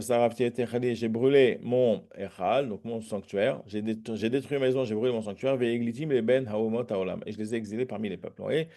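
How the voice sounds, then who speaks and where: Gravelly low-toned rabbi teaching. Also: male voice, warm tone. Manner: reads a phrase then translates and explains it; hesitant fillers and restarts. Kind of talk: Talmud lesson, reading Aramaic then translating.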